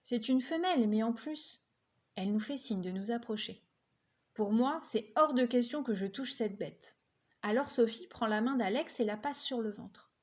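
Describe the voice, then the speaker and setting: A woman reading a children's novel aloud, lifting her voice for the characters' lines. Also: moderate pace. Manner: lively, voices characters' quotes higher. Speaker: reader.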